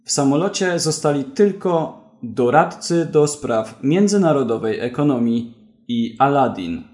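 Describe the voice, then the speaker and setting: Male audiobook narrator, slow, lively intonation. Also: mid-range voice.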